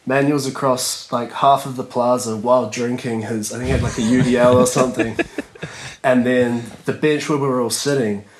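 A man's voice: mid-range voice, steady tone, moderate pace, low-quality recording. A man, a skateboarder chatting as a podcast guest in a laid-back, rambling way full of fillers. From New Zealand. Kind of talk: casual podcast chat.

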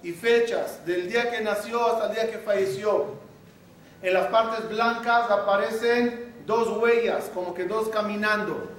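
A man, a rabbi, telling a story in a sermon, acting out the dialogue with lively energy. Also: high voice, a little slow. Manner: animated storytelling, acts out dialogue. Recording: echoey room from a distant mic, faint noise.

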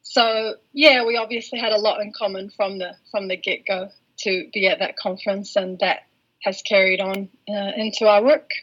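A woman from Iraq, a guest speaking in a measured way in a podcast interview. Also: medium pitch, fairly even intonation, a bit bright, highs cut off.

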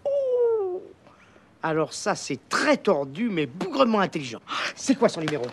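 A bumbling, good-hearted fellow in a film scene, husky and high, his pitch bouncing all over as he eagerly gets everything slightly wrong. He sounds keen to please and easily sidetracked. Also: wildly swooping pitch, a little slow, full character voice. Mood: eager, naive. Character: naive, well-meaning, slow-witted middle-aged man. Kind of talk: film dialogue.

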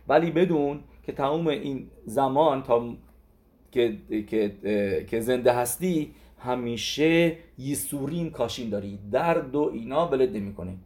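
Male Torah teacher, conversational lesson, animated storyteller. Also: mid-range voice. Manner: animated storytelling with repeated "he says" and restarts. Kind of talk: Torah lesson in casual spoken Persian.

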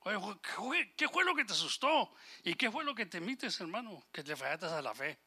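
A man preaching a sermon with passion, swinging between loud exhortation and quiet asides, quoting scripture and voicing God's words. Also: sits high, very animated, moderate pace, breathy edge. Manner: impassioned, rising and falling in volume, quotes scripture and God's voice; switches briefly into English phrases. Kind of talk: Spanish-language sermon.

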